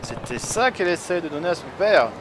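A man's voice: sits high, animated, a little fast, noisy background. A man giving casual commentary on a video game, ranting and swearing crudely as he plays. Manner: crude, foul-mouthed ranting. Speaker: let's play gamer. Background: game music.

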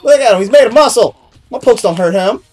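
A young man chatting excitedly and laughing while playing a fighting game with friends. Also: very high voice, fast, soft background music. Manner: excitable, laughing, playful commentary. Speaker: gamer. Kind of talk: casual gaming chat.

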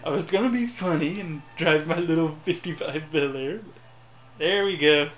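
A man's voice: fairly high pitch, moderate pace, echoey room. A man joking and mocking himself while playing a racing game in casual chat. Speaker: gameplay commentator.

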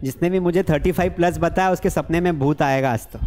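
A man's voice: on the high side, fast. A young man teaching an online English lesson in a classroom with a blackboard, mixing Hindi and English and joking with viewers over a headset mic. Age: young adult. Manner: animated, mixes Hindi and English, jokes with viewers. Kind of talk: live online lesson, chatty.

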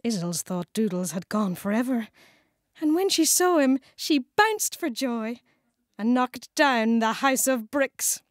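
Woman narrator for a kids' audiobook, unhurried, gentle and expressive, slightly high voice, dry studio sound. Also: no echo. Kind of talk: children's story reading.

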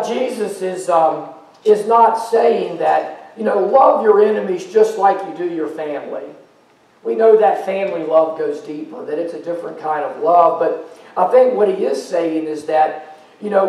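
A middle-aged American pastor preaches from a church sanctuary stage, pacing and gesturing as he speaks in a folksy, conversational style full of fillers. His voice is high-pitched with a darkish tone, picked up by a distant mic in a very echoey church.

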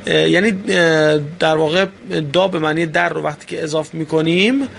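A man's voice: on the high side, vocal fry, a little hiss or hum. A man teaching a language lesson, explaining patiently step by step with frequent hesitations.

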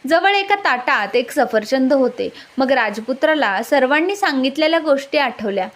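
A woman's voice: high voice, animated, moderate pace. A woman narrating a folk tale as a storyteller, reading steadily with small restarts.

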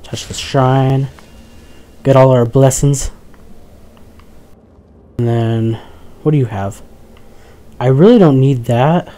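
Young guy doing a let's play, mellow warm voice, rambly and jokey, gets startled easy. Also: medium pitch, slow pace, long pauses. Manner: chatty, jokey, talks to the viewers, easily startled. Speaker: gaming commentator. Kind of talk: casual let's play commentary.

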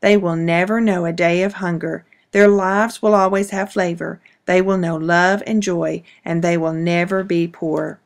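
A woman voicing a devoted mother in a storybook, speaking gently. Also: on the low side, steady tone, unhurried, few pauses. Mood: fond. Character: warm devoted mother telling family stories.

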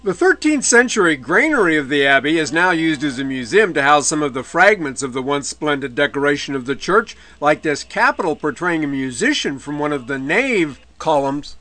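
A man's voice: fairly high pitch, sing-song, moderate pace, hardly any pauses, bright, forceful tone. A man giving a recorded history lecture, explaining in a conversational way with dry asides and occasional mid-word self-corrections.

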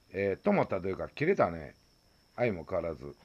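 Lively low-voiced Kansai man streaming. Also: slight background noise. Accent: Kansai Japanese. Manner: loose and chatty, greeting viewers and laughing often. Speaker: live streamer. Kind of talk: late-night live stream chat. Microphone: phone.

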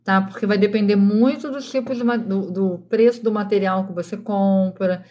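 A Brazilian woman in her thirties hosts a craft live stream from home at night, chatting casually and directly with her viewers. Her voice is mid-range, steady, and dark at a moderate pace, with a Brazilian Portuguese accent. She keeps it low so her sleeping children won't wake.

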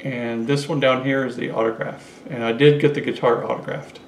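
Brisk and fairly even in tone, a mid-range male voice narrates a casual show-and-tell vlog as the forty-something collector presents each item to the camera. He sits at a desk in a small curtained room, where the sound picks up a roomy echo and faint room hiss.

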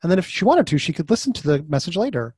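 Man, podcast guest, casual and animated, slightly higher voice, dry close sound. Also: very fast, husky, dry recording. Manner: animated, acts out quoted voices mid-story. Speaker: podcast guest, author and design facilitator. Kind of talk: casual conversational interview. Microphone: video call.

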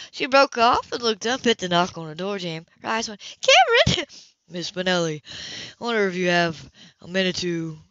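Reading a romance novel aloud, the same amateur woman narrator stumbles and restarts frequently. Her slightly high voice has a sharp tone, and the dry recording sounds lo-fi.

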